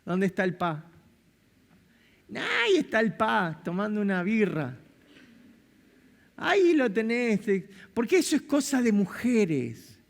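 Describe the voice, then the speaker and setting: Animated Argentine preacher in a reverberant hall. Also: male voice, high-pitched, slow, creaky, pauses often. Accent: Argentine Spanish. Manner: animated preaching, rhetorical questions and repeated phrases. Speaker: pastor. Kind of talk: sermon. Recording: long reverb of a big hall.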